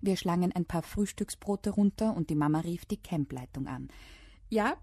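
A woman narrating a children's audiobook in a lively, playful storytelling manner. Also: on the low side, moderate pace, no echo. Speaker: audiobook reader.

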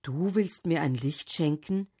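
A woman voicing a grown male thief who speaks in a hushed, grateful way in a storybook reading. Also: sits low, unhurried, slightly rough, exaggerated voice.

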